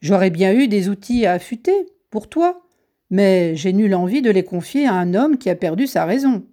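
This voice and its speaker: A woman doing a scornful gruff farmer. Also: medium pitch, big pitch swings, moderate pace, warm tone, lightly acted. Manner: blunt, scornful. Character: gruff, mocking male farmer.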